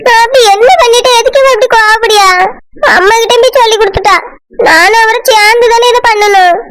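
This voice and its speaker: A timid, newly married young cartoon woman, voiced by a woman who pleads meekly and hesitantly in a Kanyakumari accent. Her voice is very high. Loud noise runs behind her. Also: fairly even intonation, fairly quick. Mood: pleading. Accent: Kanyakumari Tamil.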